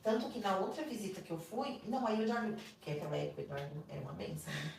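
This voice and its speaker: A woman with a Brazilian Portuguese accent tells a personal story as a podcast guest, animated and acting out other people's lines. She sits back from the microphone in a very echoey room, with a faint hiss underneath. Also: mid-range voice, racing, creaky. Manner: animated, acts out the voices of people in her story. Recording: echoey room, distant mic, faint noise.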